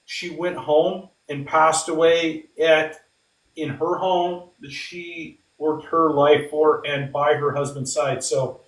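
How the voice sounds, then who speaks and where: A man's voice: on the high side, steady tone, slow pace, fairly bright tone. A man hosting a casual livestream giveaway, talking emphatically, repeating himself and addressing his audience as guys. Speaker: podcast host. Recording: echoey room, distant microphone.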